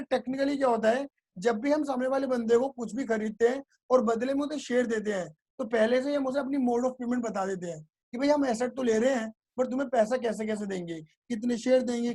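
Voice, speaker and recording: A male teacher telling a playful story to explain a lesson, making sound effects and often asking whether it is clear. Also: very high voice, a little mellow. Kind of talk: storytelling classroom lecture.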